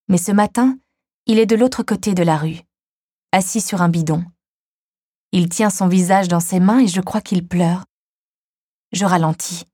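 A woman reading a first-person novel aloud in a calm, measured way. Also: on the low side, no echo, studio quality. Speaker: audiobook reader. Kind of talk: scripted first-person narration.

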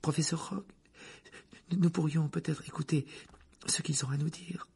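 A man voicing a nervous teenage girl who speaks breathlessly in a hushed, high voice. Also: little pitch movement, a little fast, slightly rough, full character voice. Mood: timid pleading.

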